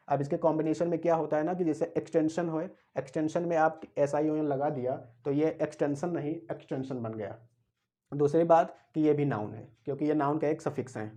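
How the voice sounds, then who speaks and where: A man's voice: on the high side, mellow. A man teaching English grammar, explaining step by step, spelling words out and asking and answering his own questions. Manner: spells out and repeats words slowly. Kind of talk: classroom-style grammar lecture.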